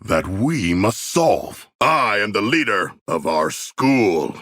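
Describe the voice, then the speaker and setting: Gravelly, earnest shark warrior. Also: male voice, lowish voice, very animated, slow pace, fairly bright tone, no room sound, studio quality, exaggerated voice. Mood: earnest, formal. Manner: formal, grandiose, stilted phrasing. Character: hulking humanoid shark warrior, earnest, formal, proudly bloodthirsty. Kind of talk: video game character dialogue.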